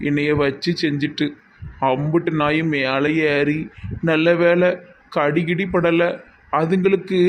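Man as a sheepish young husband, Tirunelveli accent, grumbling, slightly high voice, dull lo-fi sound. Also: a little hiss or hum, natural voice. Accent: Tirunelveli Tamil. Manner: complaining, sheepish.

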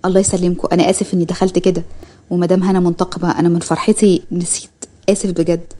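Woman voicing a gentle young man, Egyptian Arabic accent, soft, tender, mellow, husky, storybook character. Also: fairly low pitch, little pitch movement, very fast, natural voice. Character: gentle, successful young man, loving brother and son.

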